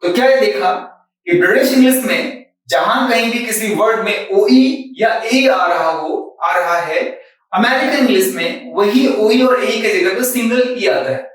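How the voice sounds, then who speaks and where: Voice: medium pitch, measured pace, very echoey, recorded from a distance, rough recording. A Hindi-speaking teacher explains English spelling rules, spelling words out letter by letter and mixing in English terms. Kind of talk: spelling lesson.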